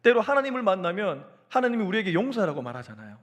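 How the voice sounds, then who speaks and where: Animated, high-voiced male preacher. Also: rapid-fire. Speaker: pastor. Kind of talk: sermon.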